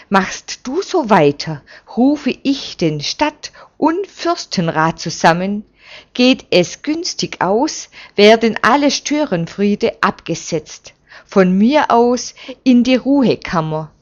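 A woman voicing a stern, resolute elderly male priest who speaks forcefully and threateningly. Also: low-pitched, little pitch movement, slow pace, few pauses. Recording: dull lo-fi recording.

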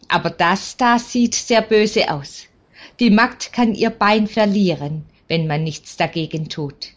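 A stern, caring country doctor from an old storybook, voiced by a woman reading aloud. He speaks bluntly and earnestly, in a slow, unhurried delivery. The recording sounds somewhat dull and muffled. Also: lowish voice.

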